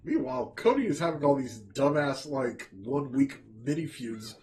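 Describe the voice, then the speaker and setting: A man's voice: medium pitch, big pitch swings, normal speed, darkish tone. A man in a casual chat, venting in an exasperated rant full of swearing. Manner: heavy swearing, exasperated ranting. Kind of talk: casual chat about wrestling.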